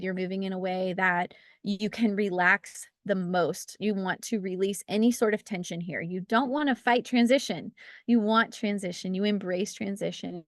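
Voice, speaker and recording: A young woman leads a casual birth-preparation workshop over a video call from outdoors, speaking in an earnest, encouraging way full of fillers and asides. Her voice sits at an ordinary pitch for a woman. The sound is dry, with little room echo. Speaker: birth educator.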